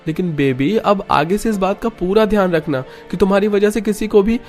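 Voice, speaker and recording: Young husband in a storybook cartoon, lecturing and strained high, put on by a male narrator. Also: moderate pace, darkish tone, faint music behind. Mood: coaxing. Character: young husband, stern then affectionate.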